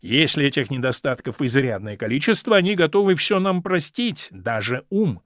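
A man's voice: medium pitch, big pitch swings, moderate pace, fairly bright tone, dry recording, clean studio sound. Man playing a witty cynical aristocrat. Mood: ironic. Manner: urbane, ironic, epigrammatic. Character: witty cynical aristocratic gentleman, epigram lover.

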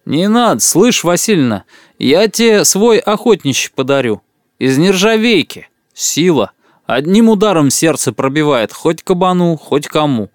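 A man reading an audiobook plays a loud, boastful middle-aged boss who has been drinking and lectures people. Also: a little high, animated, unhurried, dry recording, studio quality, pitched above the performer's own voice. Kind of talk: audiobook character voice.

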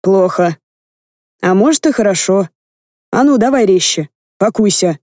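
A woman voicing a gruff, excitable old grandfather who grumbles and shouts in an audiobook. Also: medium pitch, measured pace, no echo, studio quality, lightly acted. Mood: grumbling.

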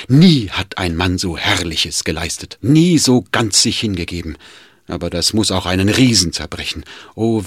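A man's voice: mid-range voice, husky, dry recording, clean studio sound, voice pushed up. A man voicing a distraught, devoted assistant in agitated, lamenting outbursts.

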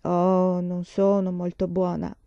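Brief: calm, reflective blind older sister, voiced by a woman narrator, warm tone, dull audio. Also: on the low side, takes it slowly, vocal fry, no echo. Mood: gentle. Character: gentle, pious blind young woman.

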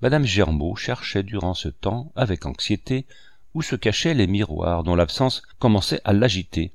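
A man narrating a classic French novel in a measured, literary reading style. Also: lowish voice, lively intonation, creaky, no room sound, clean studio sound. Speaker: audiobook reader. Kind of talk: scripted narration.

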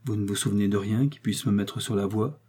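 A resolute young man, read by a male narrator, firm and insistent in his questions. The tone is dark and husky. An audiobook figure. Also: on the low side, a little fast. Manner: firm, pressing.

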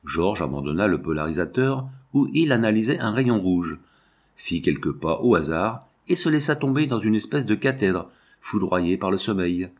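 A man narrating a novel as an audiobook, reading in a measured, expressive way. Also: fairly low pitch.

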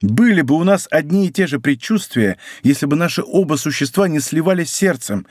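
A man's voice: fairly high pitch, lively intonation, fairly quick, darkish tone, no room sound, clean studio sound. A man playing an ardent, lovesick duke. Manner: ardent, impassioned declarations. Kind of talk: audiobook character reading.

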